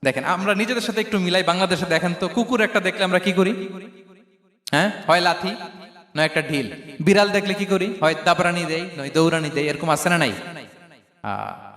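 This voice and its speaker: Male preacher, impassioned and questioning, slightly high voice, roomy reverberant recording. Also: a little fast, long pauses, fairly bright tone. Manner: impassioned, with rhetorical questions to the crowd. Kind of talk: Bengali waz sermon. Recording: echoey hall with long reverb.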